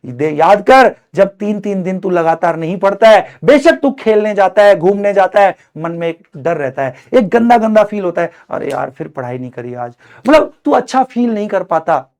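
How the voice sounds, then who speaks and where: Middle-aged man, online chemistry teacher; fatherly, lively, alternates loud urging with quiet heartfelt advice. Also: high voice, normal speed, few pauses. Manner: animated and fatherly, swings between loud exhortation and quiet earnest advice; mixes English phrases into his speech, calls students son. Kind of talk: live online lecture pep talk.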